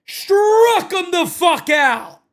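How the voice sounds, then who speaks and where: This watch-party host calls the game live for fans and banters with viewers, drawing out his words in a very high voice. He's losing his voice, but that doesn't stop him from getting excited, shouting on big plays and swearing freely.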